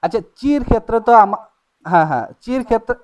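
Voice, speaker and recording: A man teaching an online language class, his voice a little higher than most men's. He walks through examples patiently and keeps checking that the students are with him. The sound is dull and lo-fi, like a video call. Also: expressive. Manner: explains slowly with many checks like "ঠিক আছে?" and "নাকি?". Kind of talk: live online class taught in Bengali.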